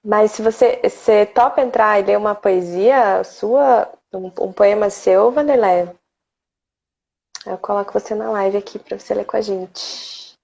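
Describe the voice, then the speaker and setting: A Brazilian woman hosts a relaxed live poetry stream, greeting viewers one by one. Her voice has a gravelly, mellow edge. The audio is slightly dull and lo-fi, like a home computer mic. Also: medium pitch, a little slow. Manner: chatty, greets viewers by name. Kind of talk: casual live chat.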